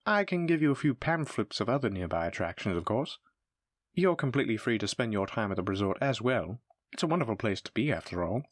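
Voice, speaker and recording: Cheerful and informative, a man with a lowish, sing-song voice speaks a little fast as a courteous, eager demon receptionist and slick salesman. His formal, effusive hospitality patter is aimed at the listener in a scripted roleplay, captured as a dry studio-quality recording.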